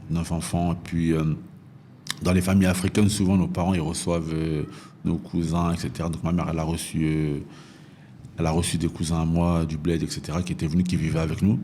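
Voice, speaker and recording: A man's low, mellow voice with little pitch movement runs a little fast, over slight background noise. In his thirties and from northern France, he's a podcast guest telling his personal story in an interview, often hesitating and repeating phrases.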